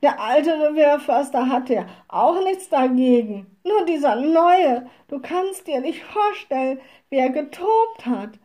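A woman voicing poor old wood-gathering women who wail high and agitated. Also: lively intonation, unhurried, hardly any pauses, mellow. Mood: tearful upset.

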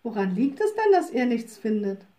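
A woman voicing a young, cheerful and bold little witch in a storybook, lively and confident. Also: on the high side, normal speed. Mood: curious.

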